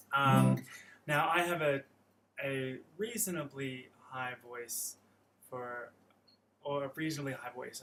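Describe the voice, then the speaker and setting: Explaining chords during a live-streamed guitar lesson, a young man rambles amiably and keeps restarting. His voice is mid-range and a bit bright, with guitar audible behind it and a little hiss or hum.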